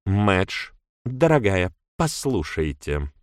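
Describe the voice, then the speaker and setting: A man's voice: low voice, big pitch swings, slow, smooth, no room sound, studio quality, heavily acted. Man voicing stern headmistress-like woman. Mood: firm. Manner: clipped, spelling out each word.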